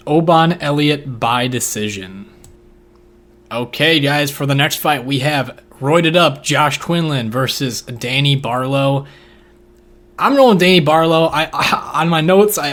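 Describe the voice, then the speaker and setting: A laid-back man talking through fight picks in casual conversation. His voice sits at an everyday middle pitch. He rambles along with slang and fillers. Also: a bit bright. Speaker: podcast co-host making fight picks. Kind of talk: casual chat.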